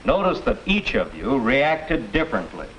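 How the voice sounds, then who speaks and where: An actor playing a patient, middle-aged male teacher, explaining calmly in a 1950s educational film. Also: mid-range voice. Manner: calm, measured explaining. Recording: muffled old film soundtrack with hiss.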